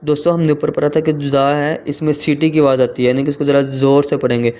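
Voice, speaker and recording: A man with a Pakistani Urdu accent teaching beginners to pronounce letters, in a slow, patient tutorial manner with drawn-out letter sounds. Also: fairly high pitch, flat delivery, darkish tone, smooth, dull audio. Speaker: Quran reading teacher.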